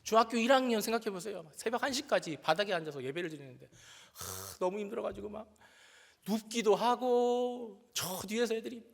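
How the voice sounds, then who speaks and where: Male pastor, sermon, high voice, lively storytelling, self-mocking humor, long church-hall reverb. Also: brisk, gravelly. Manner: animated storytelling that acts out quoted voices. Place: church sanctuary.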